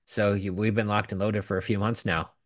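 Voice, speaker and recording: Upbeat low-voiced podcast host. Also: male voice, flat delivery, fairly quick, dry recording, clean studio sound. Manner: upbeat, loose welcoming host. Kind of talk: casual podcast hosting.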